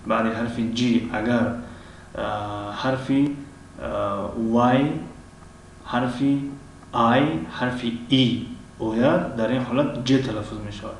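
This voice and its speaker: A man with a Tajik accent teaching an English lesson. He pauses often with drawn-out fillers, clears his throat, and repeats each example word slowly. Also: mid-range voice, steady tone. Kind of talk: language lesson. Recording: very echoey room, mic at a distance, faint background noise.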